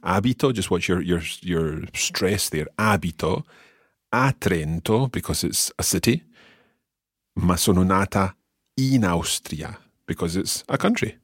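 A deep, husky-voiced man running a language lesson, warmly coaxing his learner with praise. His voice sits low and slightly rough. The sound is dry and close, with no room echo. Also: lively intonation, measured pace. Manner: encouraging, coaxes student. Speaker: Italian teacher hosting lesson.

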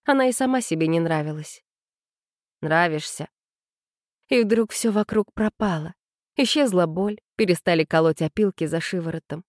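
A woman narrating a story in a steady, measured audiobook reading. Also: on the low side, no echo, clean studio sound.

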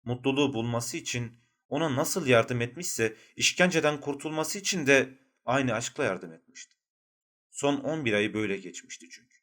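A literary novel is read aloud by a man whose voice sits at a typical middle pitch. His audiobook narration is steady, with an even, measured delivery throughout.

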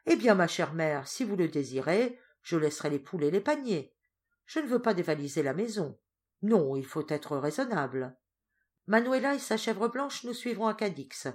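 A woman's voice: lowish voice, very animated, moderate pace, darkish tone. A woman voicing a spoiled, impetuous rich young girl in a storybook reading, who speaks in a pleading, eager way.

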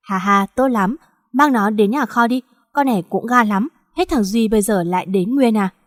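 A woman's voice: fairly high pitch, moderate pace, dry recording, clean studio sound, in a large hall, lightly acted. Woman reading as gloating old crime boss. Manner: gloating, mocking. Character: cold scheming older male crime boss.

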